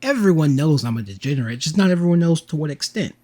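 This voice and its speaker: A man's voice: fairly high pitch, expressive, fast, warm tone. A man co-hosting a podcast, telling a rambling story in casual chat and acting out what people said. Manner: rambling storyteller, acts out quotes. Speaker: podcast co-host.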